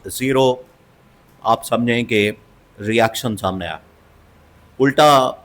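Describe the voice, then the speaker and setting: A man giving opinionated political commentary, emphatic and scornful, and he repeats phrases for stress. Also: medium pitch.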